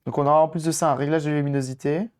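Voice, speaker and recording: A hoarse man on a live stream, chatting casually with viewers and thinking aloud as he tinkers with electronics. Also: on the high side, fairly even intonation, very fast, darkish tone. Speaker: streamer doing electronics modding. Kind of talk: casual live-stream chat while working.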